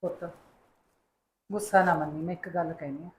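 A woman's voice: on the low side, steady tone, moderate pace, darkish tone, natural voice. A woman playing a mother who coaxes and counsels her son, sometimes firmly. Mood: coaxing. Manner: coaxing, motherly, rising to firm scolding. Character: middle-aged mother, calm then firm with her son. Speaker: mother in a short film. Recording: echoey room.

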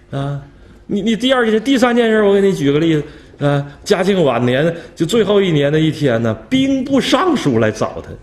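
Lively man lecturing. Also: on the high side. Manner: animated, chuckles at his own anecdotes, asks and answers rhetorical questions. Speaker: history professor giving a lecture. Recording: roomy lecture hall echo.

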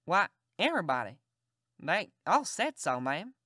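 A woman's voice: fairly low pitch, sing-song, unhurried, pushed and bright, no echo, clean studio sound, exaggerated voice. A woman voicing Tom Sawyer, a cheeky Southern boy who talks in a polite, mock-innocent drawl.

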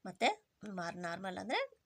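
A woman's voice: mid-range voice, huge pitch swings, moderate pace. A woman teacher who reads a textbook story aloud, then retells each line in simple everyday words. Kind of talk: reading and explaining a textbook lesson.

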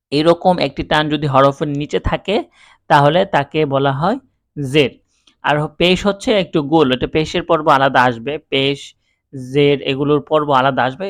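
A man's voice: fairly high pitch, a bit bright, dry recording, clean studio sound. Patient male Quran reading teacher. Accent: Bangladeshi Bengali. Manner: patient, explanatory, with drawn-out letter drills. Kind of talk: step-by-step lesson, spelling out letters.

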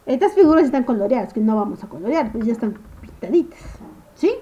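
A high, bouncy woman's voice teaching small children, her pitch swooping up and down as she drawls each word slowly. Her tone is mellow and soft. The sound is dull and lo-fi, like a home recording. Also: animated. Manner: slow, sing-song teacher talk, stretching words, asking "¿sí?". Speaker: primary school teacher. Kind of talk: remote first-grade phonics lesson.

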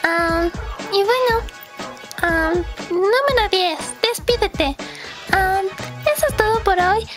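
Young woman, squeaky cute voice, slow drawn-out talk, loud music underneath. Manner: exaggerated high cute voice, giggly and bashful. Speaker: fandubber. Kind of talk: cute voice meme. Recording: music playing loudly underneath.

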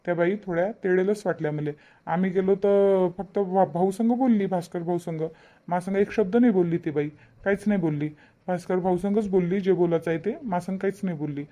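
A man's voice: sits high, fairly quick, dark tone, natural voice. A man with a Varhadi Marathi accent voicing a young husband who speaks defensively and doubtfully about family matters. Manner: defensive, then doubtful and complaining.

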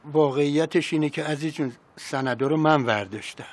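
A man's voice: a little high, close to an everyday voice. A man playing a sly fawning young schemer. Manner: wheedling, quick to agree. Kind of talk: TV comedy series acting.

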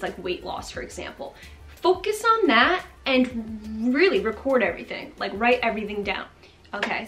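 A woman in her twenties giving upbeat fitness tips to camera in a bright bedroom, chatty and coaxing, often checking in with "okay?". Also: a little high. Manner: energetic, chatty, coaxing with frequent "okay?" and big hand gestures. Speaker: fitness vlogger. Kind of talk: upbeat motivational talk to camera.

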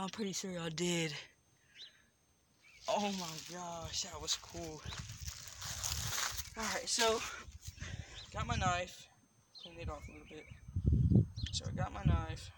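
A man vlogging casually into a phone he holds, rambling and excitable as he moves between indoors and outdoors. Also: high-pitched. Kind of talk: casual vlog narration. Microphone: phone held in hand. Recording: loud background noise.

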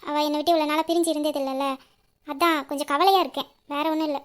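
A woman's voice: sits high, steady tone, very fast, natural voice. A woman voicing a troubled young woman who speaks hesitantly and evasively about her marriage. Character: troubled young bride-to-be, secretly in love. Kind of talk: audio story reading.

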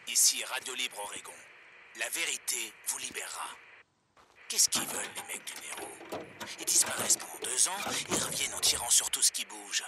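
An actor playing a paranoid male pirate radio host, ranting conspiratorially over a radio broadcast, swinging from hushed tones to shouts. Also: medium pitch, lively intonation, moderate pace, background noise. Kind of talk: dubbed video game dialogue.

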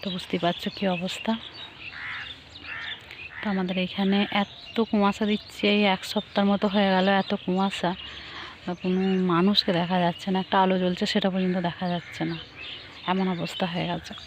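A woman talking softly and chattily into her phone outdoors in the cold early morning, sounding chilled. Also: medium pitch, little pitch movement, a little fast. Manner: soft, hushed, chatty. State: cold and shivering. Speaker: village vlogger. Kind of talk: casual vlog walkthrough. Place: outdoors in foggy fields at dawn. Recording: faint outdoor noise.

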